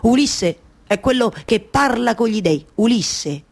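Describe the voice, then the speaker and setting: Slow, incantatory Penelope, Roman accent. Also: female voice, fairly high pitch, animated, gravelly, heavily acted. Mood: proud, longing. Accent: central Italian, Roman. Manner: incantatory, repeats words and phrases, halting. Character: Penelope, lovelorn waiting wife of Ulysses, wistful, obsessive storyteller. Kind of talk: theatrical dramatic monologue with live music.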